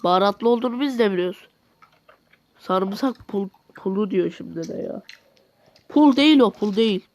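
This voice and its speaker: A man with a high-pitched voice speaks at a normal speed, giving comic voice-over commentary on a video. He jokes and talks to himself in mock exasperation, and by the end he sounds nauseous.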